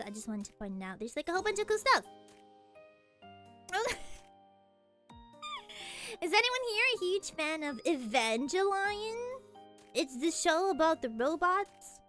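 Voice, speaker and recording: A young woman streamer chatting casually from her room, sleepy, talking fast and rambling with frequent laughter. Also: high-pitched, expressive, fairly bright tone, soft background music. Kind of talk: casual chat.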